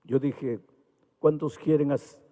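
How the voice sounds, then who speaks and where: A man from Peru, a pastor, preaching an evangelistic sermon with impassioned rises and quiet storytelling. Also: a little high, steady tone, slow pace, phone-quality sound. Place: large arena. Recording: long hall reverb.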